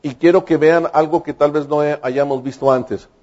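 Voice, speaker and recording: A man's voice: a little high, fairly even intonation, moderate pace, a little mellow. A man, preaching a sermon with emphatic, fervent delivery. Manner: emphatic, rising to fervent exclamations. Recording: dull lo-fi recording.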